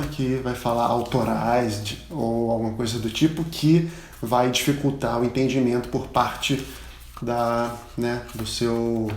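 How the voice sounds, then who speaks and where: A man's voice: mid-range voice, echoey room, a little hiss or hum. Chatty Brazilian man teaching pilot English. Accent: Brazilian Portuguese. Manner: chatty, explains with anecdotes, repeats model words loudly. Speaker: pilot and aviation English instructor. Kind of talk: casual spoken lesson.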